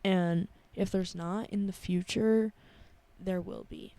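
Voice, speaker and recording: A tired young woman in her twenties hosting a casual advice podcast from her bedroom, talking softly and slowly. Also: on the low side, steady tone, gravelly, noisy background. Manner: soft, sleepy and unhurried. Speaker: podcast host. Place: her bedroom at her parents' house.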